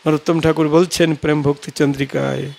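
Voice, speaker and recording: A man with a Bengali accent giving a devotional sermon, telling scripture stories and chanting verses in a drawn-out way. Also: fairly high pitch, flat delivery, gravelly, a little mellow. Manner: tells scripture stories acting out dialogue. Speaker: preacher.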